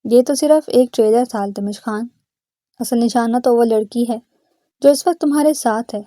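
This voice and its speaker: A woman's voice: fairly high pitch, mellow, no room sound, clean studio sound, close to an everyday voice. A woman voicing a menacing, mysterious male caller who speaks in a taunting, threatening way.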